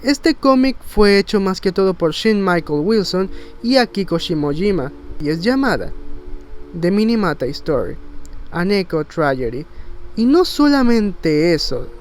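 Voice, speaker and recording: A man narrates an opinionated video essay in a high voice, with faint music and slight background noise. He speaks emphatically and rhetorically, putting dramatic stress on key words.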